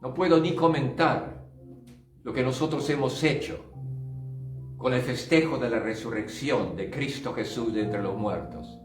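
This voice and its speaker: A man's voice: mid-range voice, measured pace. An older male pastor giving a fervent sermon testimony, dropping in short English asides. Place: church. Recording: roomy church sound, distant mic, faint music.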